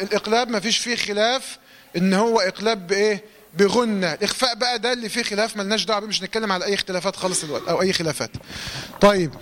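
The Quran recitation rules are explained in a tajweed lesson by a man whose voice sits high with a fairly bright tone. He has an Egyptian Arabic accent and answers the questions he puts to his listeners himself.

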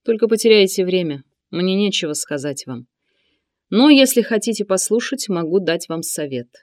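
A captive nobleman, cool and cutting, who refuses to bow to his captor, as a woman reader voices him. He speaks at a middling pitch. The reading is close and dry. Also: normal speed, no echo, close to an everyday voice. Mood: defiant. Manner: calm, cutting, defiant. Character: defiant captive male nobleman, bold and cool. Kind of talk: audiobook character reading.

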